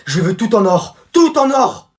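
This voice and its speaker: A man's voice: mid-range voice, moderate pace, pitched below the performer's own voice, natural voice. A man playing a pompous rich prince. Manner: pompous, boastful. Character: boastful arrogant rich prince.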